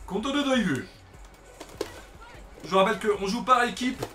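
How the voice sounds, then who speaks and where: A man's voice: high voice, expressive, unhurried, recorded from a distance, over music. A man commentating casually on a fighting-game team match as its announcer. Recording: busy room with crowd chatter. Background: crowd chatter.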